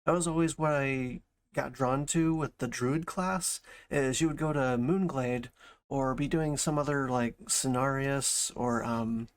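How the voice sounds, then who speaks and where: A streamer reacts to a video, chatting casually and thinking aloud in broken, rambling phrases. He has a mid-range voice and speaks a little slowly.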